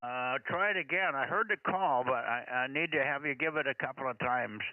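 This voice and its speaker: A brisk, medium-pitched man acts as a ham radio net operator, reading out callsigns and repeating radio procedure phrases. His voice comes through a crackly, noisy, narrowband shortwave link with clicks.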